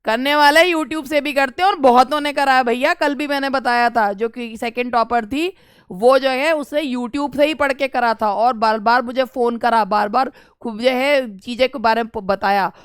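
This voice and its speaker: Indian female tutor, high clear voice, patient explainer, dry close recording. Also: dry recording. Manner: explains slowly in Hindi mixed with English terms. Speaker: English literature exam tutor. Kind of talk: online exam-prep lesson.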